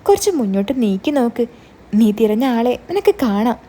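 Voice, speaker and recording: Woman narrator doing a sneering young man, mocking, husky. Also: a little high, sing-song, brisk, dark tone. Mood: taunting. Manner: mocking, goading. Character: taunting young man revealing a secret.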